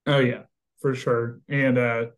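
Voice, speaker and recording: A man with a drawl co-hosts a relaxed football podcast. He keeps things loose and chatty, breaking into laughs as he talks. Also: mid-range voice, slow. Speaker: podcast co-host. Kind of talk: casual sports chat.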